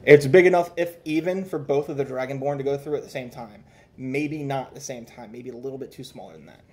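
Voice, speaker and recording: A man's voice: mid-range voice, fairly quick. A man narrating a tabletop role-playing game as game master, casual and loose, with fillers and laughter.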